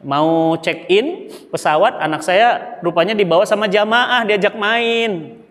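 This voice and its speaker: A man with a Sundanese accent delivers a mosque sermon in a notably high voice. He preaches with animated emphasis and keeps calling out to the women in the crowd. A long hall reverb trails after his words. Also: a little slow. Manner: animated, emphatic, often addressing the women in the audience.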